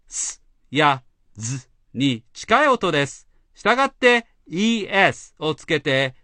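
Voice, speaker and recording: A man explaining pronunciation rules as an English teacher, slow and careful. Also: fairly high pitch, pushed and bright, no echo. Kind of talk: instructional narration.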